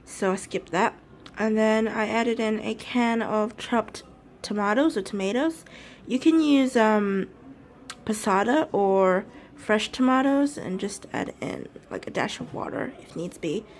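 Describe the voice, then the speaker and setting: A young woman talking in a relaxed, chatty vlog voice at a middle pitch. She rambles and corrects herself mid-sentence, and a faint hiss of background noise sits under her voice. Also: unhurried. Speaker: vlogger. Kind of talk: casual vlog chat.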